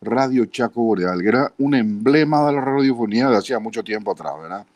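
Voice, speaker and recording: Paraguayan man in his fifties, mid-pitched radio voice, trained diction, measured interview guest. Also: animated, a little mellow, no echo. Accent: Paraguayan Spanish. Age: 50s. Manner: measured, tags lines with a questioning aside. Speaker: guest, broadcaster and journalist. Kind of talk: interview storytelling.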